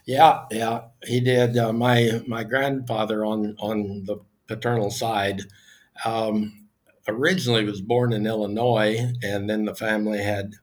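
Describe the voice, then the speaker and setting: An American man in his sixties or older speaks in a fairly low voice. He is a podcast guest talking casually, measured and halting, pausing often. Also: flat delivery. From Oklahoma, United States. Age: 60s or older. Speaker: podcast guest, business executive. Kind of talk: casual interview talk.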